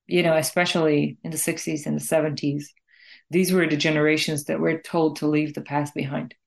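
Being interviewed as a singer-songwriter, a woman from Israel talks conversationally and reflectively, laying out her thinking with care. Her low voice is gravelly, her delivery flat and a little fast.

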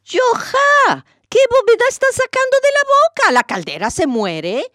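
A nagging neighbor woman in a spoken folk tale, her voice climbing high and sharp as she scolds, put on by a woman narrator. The sound is close and dry. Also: very animated, moderate pace, no room sound. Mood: scolding.

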